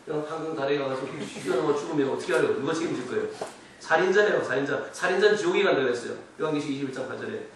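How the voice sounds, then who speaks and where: A man preaching a revival sermon, impassioned, moving between soft pleading and loud emphatic shouting. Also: a little high, lively intonation, rapid-fire, a little hiss or hum. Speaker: pastor. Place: church sanctuary. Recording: echoey church room from a distance.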